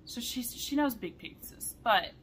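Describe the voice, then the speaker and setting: A woman, chatting excitedly to her viewers in a cross-stitch vlog and often saying y'all. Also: a little high, takes it slowly, slight background noise. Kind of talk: casual chat to viewers.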